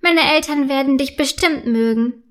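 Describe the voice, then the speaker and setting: A woman voicing a tiny, eager mermaid child with a high, squeaky voice in a storybook reading. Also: normal speed, natural voice. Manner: eager and friendly.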